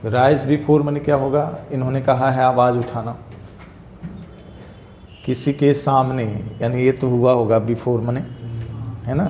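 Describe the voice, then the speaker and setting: A male English teacher, giving an interactive classroom lecture and constantly quizzing his students whether each point is clear. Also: medium pitch, level tone, a little slow, long pauses, a little mellow, slight background noise. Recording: echoey classroom room sound.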